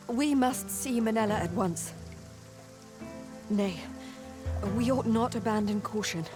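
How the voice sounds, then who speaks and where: A woman's voice: mid-range voice, close to an everyday voice. Grave formal noble voiced by a woman, game music behind.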